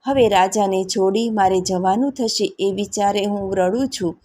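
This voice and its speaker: A woman voicing a grieving goddess of royal fortune in a storybook reading, speaking gravely. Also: mid-range voice, fairly even intonation, normal speed, warm tone, lightly acted. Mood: solemn.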